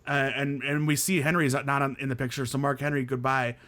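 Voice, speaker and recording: A man hosting a casual wrestling podcast, ranting in an animated way and laughing often. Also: medium pitch, a little fast. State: hiccuping. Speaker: podcast host.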